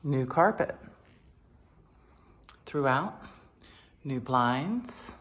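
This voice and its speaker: A woman narrating an informal house walkthrough in a matter-of-fact way, listing items in short phrases with pauses. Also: extremely low pitch, lively intonation. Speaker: property renovation presenter. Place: inside a house, walking through rooms.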